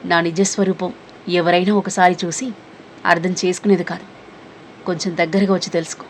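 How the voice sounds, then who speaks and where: A woman voicing a mysterious, calm young man in a spoken romance story, talking quietly and evenly. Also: a little hiss or hum, lightly acted. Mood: calm, teasing. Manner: quiet, low and measured.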